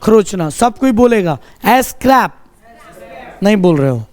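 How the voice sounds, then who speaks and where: A man's voice: high-pitched, lively intonation, warm tone. A man teaching a class, drilling vocabulary and quizzing students, saying each word again and again. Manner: repeats words slowly, quizzes the students. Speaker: English teacher.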